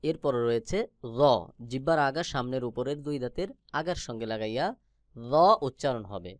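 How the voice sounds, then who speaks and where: A man teaching Quran recitation, explaining where each Arabic letter is formed and sounding it out slowly several times. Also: mid-range voice, no room sound, clean studio sound. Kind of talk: slow instructional explanation.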